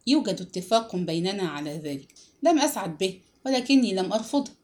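Determined young woman, voiced by the narrator, plain and steady. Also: medium pitch, a little fast, natural voice. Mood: firm. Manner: firm, steady.

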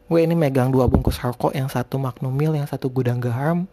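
A solo podcast host from Indonesia chats informally, rambling and often groping for the right word. His mid-range voice is mellow and steady, moving a little fast, and his r sounds come out lisped.

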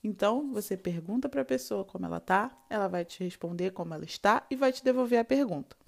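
Brazilian woman teaching French, gravelly. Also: medium pitch, lively intonation, quick pace, a little mellow. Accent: Brazilian Portuguese. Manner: explains patiently, repeats and recaps, models dialogue lines. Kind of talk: online language lesson.

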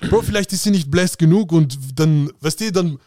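A young man talks casually and reflectively on a podcast, with a laid-back, slangy manner. His voice sits a little high for a man. The recording is dry and close. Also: moderate pace, warm tone, dry recording. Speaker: podcast co-host. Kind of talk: casual chat.

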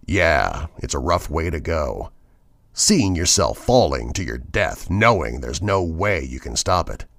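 A man voicing a menacing male trucker who speaks over the CB in a slow, low, ominous drawl. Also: sing-song, gravelly, a bit bright, dry recording, studio quality, full character voice.

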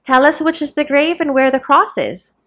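A woman's voice: high-pitched, moderate pace, voice pushed up. A woman reading a novel aloud and voicing an aged, devoted male servant who speaks eagerly. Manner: eager, excited.

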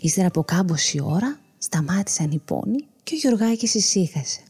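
A woman narrating a children's bedtime story, gentle and expressive, sometimes dropping to a whisper. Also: fairly low pitch, slightly rough, soft background music.

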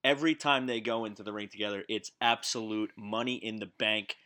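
A man's voice: fairly low pitch, steady tone, fairly quick, pushed and bright. A man chatting casually as a guest on a sports podcast, recorded in a home basement. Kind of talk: casual sports podcast chat about wrestling.

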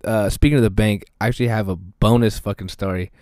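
A man's voice: on the low side, fast, dry recording, clean studio sound. A young man co-hosting a podcast in casual chat, telling stories animatedly with lots of swearing and laughter. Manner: profane, laughing, animated storyteller. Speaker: podcast co-host.

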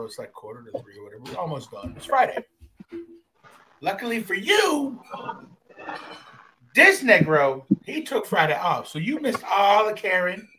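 A man's voice: a little high, a little hiss or hum. A man hosting a casual podcast, telling a profane story with lots of slang and mock voices. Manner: animated, profane, slips into mock voices and accents. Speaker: podcast host.

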